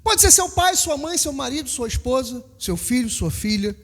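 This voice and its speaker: A man with a Brazilian Portuguese accent, a pastor preaching a sermon and telling lively stories to his congregation. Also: very high-pitched, moderate pace. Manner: storytelling, animated, acts out quotes, laughs with congregation. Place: church hall. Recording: long hall reverb.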